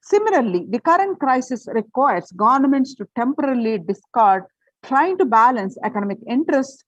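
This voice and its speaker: A woman reads a prepared text aloud as a presenter, her somewhat high voice moving up and down a lot. The voice is a little husky, and she trips now and then into fillers and restarts. The recording is dry and a bit dull. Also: very animated, brisk, no echo. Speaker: presenter reading an article.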